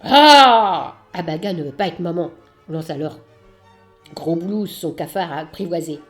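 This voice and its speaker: A woman narrating a children's storybook aloud in an expressive, lively way. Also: low voice, normal speed, faint music behind.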